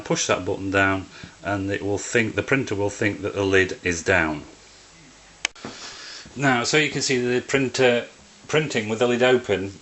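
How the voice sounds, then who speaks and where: Low-pitched man giving a hands-on tutorial. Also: a bit bright. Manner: plain-spoken, step-by-step explaining. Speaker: presenter of a printer how-to video. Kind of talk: informal hands-on tutorial narration. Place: indoors beside a printer.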